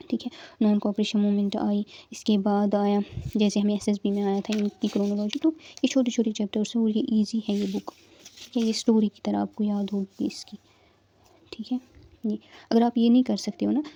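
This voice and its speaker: Flat-voiced young woman explaining study plans. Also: mid-range voice, muffled recording. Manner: explains step by step, frequent fillers and checks. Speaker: exam prep tutor. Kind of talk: casual study-guidance talk.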